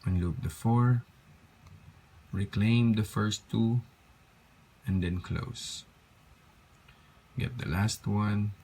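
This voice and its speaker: A man's voice: lowish voice, very slow, pauses often, mellow. A tired man teaching a bracelet-making tutorial step by step, counting loops aloud and apologizing for his slips. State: tired, yawning. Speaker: craft tutorial host.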